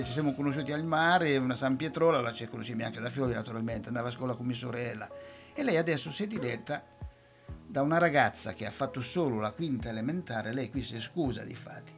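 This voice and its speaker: Cheerful radio host guy w/ ancona accent, bright tone, soft music under him. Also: mid-range voice. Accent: Ancona dialect, Marche. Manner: jovial, teasing, reads verse slowly and warmly. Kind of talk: casual local radio chat, reading letters and verse.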